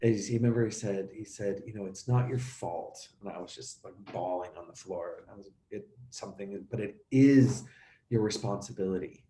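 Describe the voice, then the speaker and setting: A middle-aged man talking openly as an interview guest, animated and halting, often restarting and acting out sounds. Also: on the low side, reverberant. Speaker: actor and coach, interview guest. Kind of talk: emotional conversational interview.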